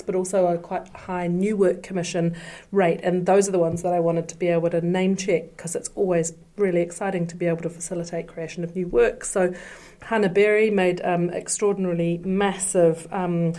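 A woman speaks as a curator on a panel, her voice gravelly from a recent illness. Her pitch sits a little low. She talks in an enthusiastic, thoughtful way, searching for words with frequent ums. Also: dark tone. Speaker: curator and associate professor. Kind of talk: panel discussion.

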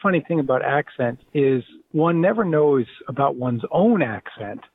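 A middle-aged man with a Rhode Island accent, reminiscing in a relaxed, rambling way as an interview guest. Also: mid-range voice, normal speed, creaky. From Providence, Rhode Island. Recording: tinny phone line with faint hiss.

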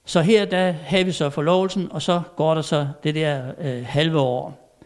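An older man in a somewhat higher register tells stories from his years as a royal valet. He speaks to an audience at a country inn and acts out the dialogue he quotes. His delivery is hesitant, with frequent pauses. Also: fairly even intonation. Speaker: former royal valet giving a talk. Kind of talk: anecdotal storytelling lecture.

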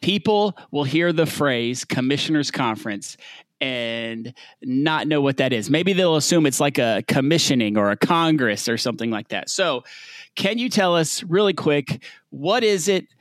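Casual male interviewer, fairly high dry voice. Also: animated, moderate pace, dry recording. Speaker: podcast host, interviewer.

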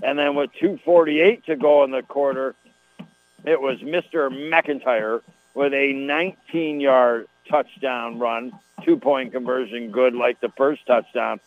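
A man announcing a live high school football game over AM radio, in a folksy, chatty way as he rattles off scores and plays. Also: no room sound. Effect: AM radio broadcast sound. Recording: tinny, dry AM radio line.

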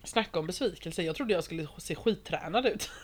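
Expressive young woman, slightly low voice. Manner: laughing, expressive, swears casually. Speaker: reality show contestant. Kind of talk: casual podcast chat.

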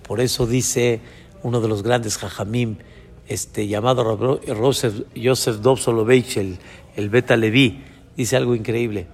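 A man, a rabbi giving an animated sermon who acts out little dialogues. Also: mid-range voice, unhurried. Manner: animated, acts out dialogues between father and son. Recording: long hall reverb.

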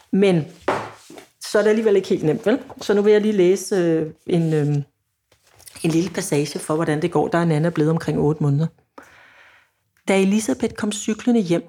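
A woman author who reads a passage from her novel aloud in a lively storytelling way, then talks about it in a casual conversation. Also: on the low side.

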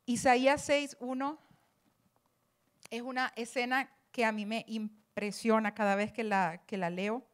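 A woman's voice: a little high, fairly even intonation, unhurried. A woman preaching a passionate sermon, rising now and then to emphatic cries.

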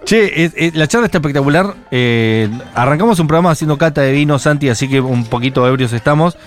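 A man's voice: a little high, lively intonation. A man with an Argentine accent hosting a radio talk show, chatty and playful, often jumping in. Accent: Argentine Spanish. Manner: chatty, playful, quick to jump in. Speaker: radio host. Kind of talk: casual radio chat. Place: radio studio.

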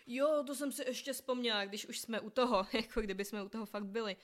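A woman's voice: fairly high pitch, steady tone. A young woman hosting a podcast alone, telling stories in a chatty, self-ironic way. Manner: chatty, self-ironic, laughs at her own jokes. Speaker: podcast host. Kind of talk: casual storytelling monologue.

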